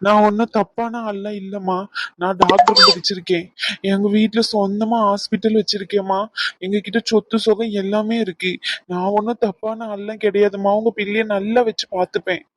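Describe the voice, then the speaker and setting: A woman's voice: mid-range voice, fairly even intonation, brisk, slight background noise, close to an everyday voice. A woman voicing an earnest young male doctor in a cartoon, pleading and reassuring.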